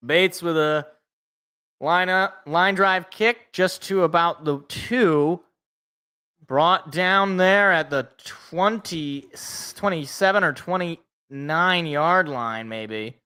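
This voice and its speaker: A man's voice: a little high, slow pace, pushed and bright, smooth. A man in his twenties, co-hosting a live football reaction stream, calling plays and joking with viewers in a self-deprecating way. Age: 20s. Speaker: sports podcast co-host. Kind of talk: live game reaction and play-by-play.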